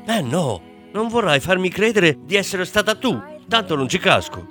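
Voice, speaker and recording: A man voicing an exasperated but loving mother in a storybook, loud and scolding. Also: medium pitch, expressive, measured pace, faint music behind.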